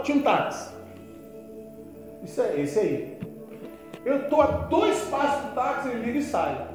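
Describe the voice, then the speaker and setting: A man pastor preaching a sermon, telling folksy humorous stories and swinging between loud emphasis and quiet asides. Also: high voice. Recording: echoey hall with faint music.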